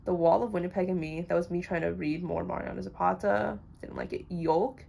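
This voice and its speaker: A woman's voice: fairly low pitch, steady tone, a little fast, creaky, mellow, a little hiss or hum. A young woman casually rambling through blunt opinions on books she has read, with lots of fillers. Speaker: book vlogger. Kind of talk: casual chat.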